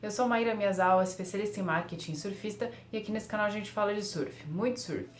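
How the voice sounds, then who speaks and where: A woman's voice: mid-range voice, fast talker, reverberant, a little hiss or hum. A young woman giving surfing tips in a casual, chatty way, often laughing at herself and using fillers. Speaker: surf vlogger. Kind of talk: casual tutorial talk.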